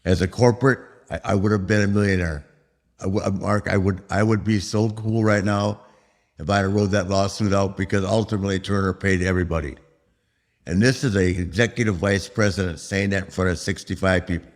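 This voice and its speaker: A man's voice: low-pitched, fairly even intonation, a little fast. A middle-aged or older man reminiscing candidly in conversation, emphatic and aggrieved. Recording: reverberant hall.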